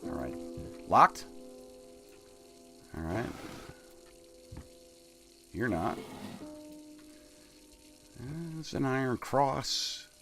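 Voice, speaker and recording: A man's voice: medium pitch, sing-song, drawn-out words, vocal fry, pauses often, music in the background. A man with a slushy lisp on his s sounds giving casual, jokey video game commentary, muttering asides and reading notes aloud.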